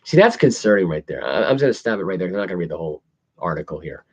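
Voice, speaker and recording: Male podcast host, lowish voice, casual news read with halting, stumbling delivery, muffled low-fidelity recording. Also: expressive, slightly rough. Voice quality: imprecise articulation of longer words. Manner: halting, stumbles over words when reading. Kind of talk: casual news commentary, reading articles aloud. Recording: dull lo-fi audio.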